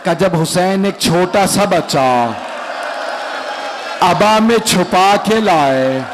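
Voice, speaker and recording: Male orator, high voice, slow mourning recitation, faint room ambience behind. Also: expressive, a crowd in the background, noisy background. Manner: emotional, addresses audience directly, rises to cries. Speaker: majlis orator.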